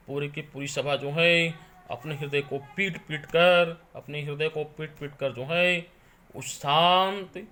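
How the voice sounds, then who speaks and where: Male teacher, class lecture; bright, forceful tone, slightly high; recites verse, then paraphrases with lots of repetition. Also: a little hiss or hum. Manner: repeats phrases often, fills with "jo hai". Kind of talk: explaining poetry in a class lecture.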